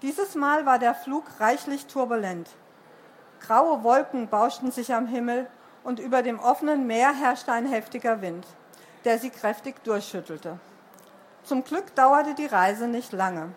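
Woman storyteller at bookshop reading, high voice, faint room noise. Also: a little slow. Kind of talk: reading a children's book aloud. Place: bookshop event.

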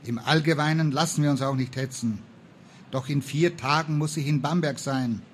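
A man's voice: on the high side, moderate pace, slight background noise, natural voice. Man voicing a stern young woman healer, earnest, scolding, storybook reading, near his own voice. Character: stern dutiful young woman traveling apothecary.

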